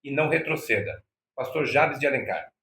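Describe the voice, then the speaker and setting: A man's voice: medium pitch, expressive, brisk, pushed and bright. A man with a Brazilian accent telling a personal story as an interview guest, acting out quoted dialogue with shifting voices. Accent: Brazilian Portuguese. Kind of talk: anecdotal storytelling. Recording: echoey room.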